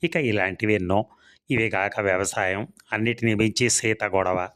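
Sly sweet-talking landlord guy in an audio story, man reading it, lowish voice. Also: normal speed, fairly bright tone, dry recording, clean studio sound, close to an everyday voice. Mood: coaxing. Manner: smooth, coaxing, laughs things off. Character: charming, manipulative village landlord man.

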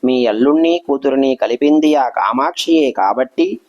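A man's voice: mid-range voice, moderate pace, darkish tone, dull audio, close to an everyday voice. A man voicing a revered elderly male sage who speaks with kindly authority. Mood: benevolent. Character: revered old male sage, gentle yet commanding.

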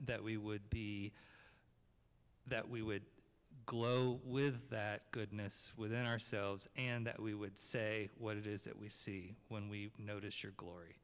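A man's voice: fairly low pitch, clean tone. A man in his thirties giving a children's message in a large church, talking casually and asking the kids questions, into a handheld microphone. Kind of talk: children's sermon. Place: large church sanctuary, seated on chancel steps. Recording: long reverb of a church hall.

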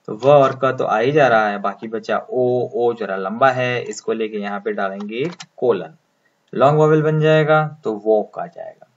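A man walks through a pronunciation lesson patiently and step by step, prompting the listener to repeat each word. His voice sits at an ordinary middle pitch. The recording sounds a little dull and lo-fi. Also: a little slow. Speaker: English pronunciation teacher. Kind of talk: phonetics lesson with transcription drills.

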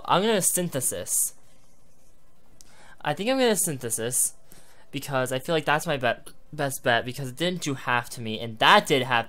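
A man talking through an online game battle, hiccuping now and then as he goes. His voice is smooth and clean, sitting at a middling pitch. He muses aloud about each move in a loose, rambling way. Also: bright, forceful tone. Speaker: gaming YouTuber. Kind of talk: live battle commentary.

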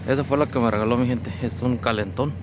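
A man vlogs outdoors on a residential street while searching curbside trash, his chest-mounted action camera picking up loud traffic and street sounds. Quick-paced and fairly even in intonation at a medium pitch, he chats casually and keeps saying "mi gente" to viewers.

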